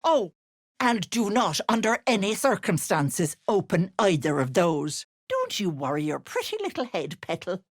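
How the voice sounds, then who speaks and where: A woman's voice: medium pitch, very animated, a little slow, dry recording, studio quality. A woman playing a sly, wicked old hag in a video game, posing as a sweet auntie, with cloying endearments laid over gloating menace. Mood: sly cajoling. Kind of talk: video game character voice acting.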